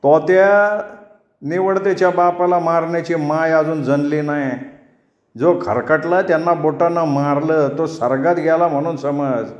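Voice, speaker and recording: A man's voice: a little high, steady tone, unhurried, highs cut off, pitched above the performer's own voice, close to an everyday voice. A man voicing a proud, hot-tempered village landlord who boasts and threatens. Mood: angry boasting. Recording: roomy echo.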